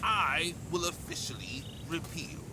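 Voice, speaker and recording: A man's voice: fairly high pitch, measured pace, background noise, lightly acted. A man voicing a pompous, theatrical presiding official in a dramatic video game. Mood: ceremonial.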